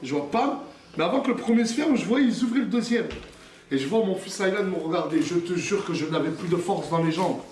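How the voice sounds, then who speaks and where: Emphatic high-voiced man in a roomy space. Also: lively intonation, brisk, far from the mic, a little hiss or hum. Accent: French slang with Arabic loanwords. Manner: emphatic, acts out shouts and crying in the retelling. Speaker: streamer telling a story on a live. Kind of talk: casual storytelling among friends. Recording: roomy live stream audio from off-mic.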